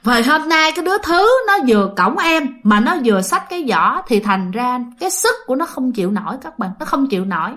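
A woman's voice: sits high, very animated, fairly quick, few pauses, a bit bright. A woman with a Southern Vietnamese accent telling a ghost story in a chatty, dramatic way, often addressing her listeners directly. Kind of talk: casual spoken storytelling.

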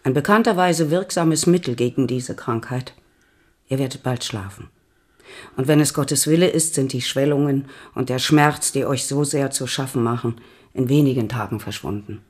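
A woman playing a woman disguised as a young male physician, calm and persuasive, in a radio play. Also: rumbling low, moderate pace, slightly rough. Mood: measured.

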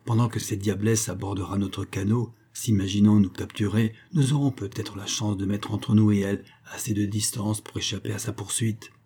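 A man's voice: on the low side, steady tone, normal speed, hardly any pauses, mellow, husky. A man voicing a resourceful detective who gives urgent instructions under his breath. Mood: hushed. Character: calm, resourceful male detective, adult.

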